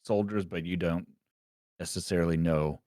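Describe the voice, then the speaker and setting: A man narrating as game master, explaining in a relaxed way with many fillers. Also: deep voice, normal speed, no room sound, clean studio sound.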